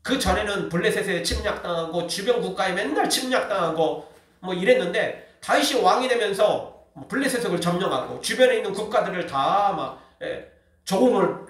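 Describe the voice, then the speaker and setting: A man's voice: high-pitched, a bit bright. A male pastor preaching a sermon with emphasis, often dropping a short "yes" between phrases. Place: church sanctuary. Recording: very echoey hall, distant mic.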